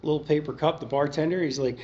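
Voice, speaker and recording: A man speaking at a recovery meeting, telling his personal story with animated delivery, acting out the voices in his head and laughing often. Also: on the high side, fast. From Pennsylvania. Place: meeting room. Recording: slightly dull, faint hiss.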